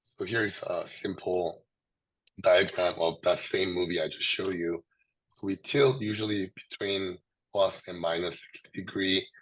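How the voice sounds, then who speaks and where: A man with a hoarse, swollen sore-throat voice, giving a halting scientific presentation. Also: low-pitched, fairly bright tone, low-quality recording. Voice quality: hoarse, husky. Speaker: presenter, researcher.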